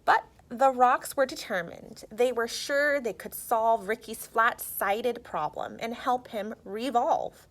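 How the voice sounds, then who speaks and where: A woman narrating a children's storybook in an expressive, theatrical and emphatic way. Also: on the high side, takes it slowly, hardly any pauses.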